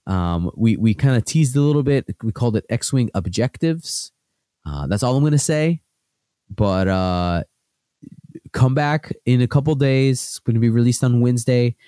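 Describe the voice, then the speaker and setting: A man co-hosting a podcast in casual chat, sounding nasal from a cold, relaxed and chuckling with lots of fillers. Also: medium pitch, moderate pace, no echo, studio quality. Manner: laid-back, chuckling, filler-heavy. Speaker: podcast co-host.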